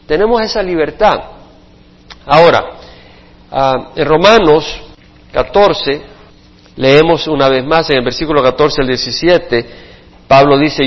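A man teaching a Bible study as a pastor, chatting to his listeners, checking in with them and acting out short quotes. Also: on the high side. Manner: conversational, asks listeners "¿verdad?", acts out short quotes. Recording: dull sound with long reverb in a hall.

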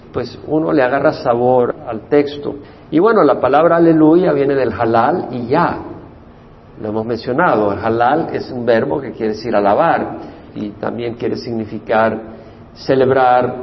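A man leads a Bible study as pastor, with a gravelly voice and a steady middle pitch. He explains Hebrew word meanings and repeats terms to drive them home. The recording is dull and lo-fi, with a long church-hall reverb. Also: slight background noise.

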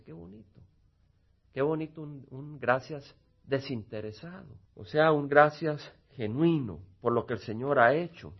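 A man preaching a sermon as pastor. He swings from loud emphasis to quiet asides and acts out little quoted dialogues. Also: medium pitch, breathy edge, highs cut off.

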